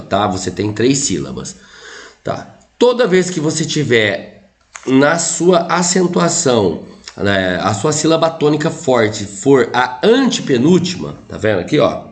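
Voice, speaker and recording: A Brazilian man teaches a grammar lesson online, in a voice that jumps up and drops down all the time. He keeps pointing at the board and checking that his students are following. His tone is chatty and energetic. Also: mid-range voice. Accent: Brazilian Portuguese. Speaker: Portuguese teacher.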